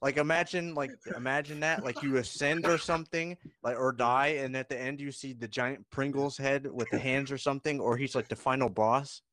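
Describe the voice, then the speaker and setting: A man's voice: medium pitch, steady tone, fairly quick, hardly any pauses, a bit bright, no echo. A man co-hosting a casual podcast chat, laid-back and rambling, often ending lines with "man". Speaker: podcast co-host.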